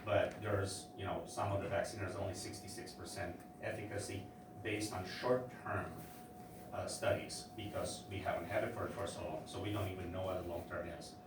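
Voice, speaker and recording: A man giving public testimony at a hearing, halting with many fillers and restarts. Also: low voice, fairly even intonation, noisy background. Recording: echoey hearing room from far off.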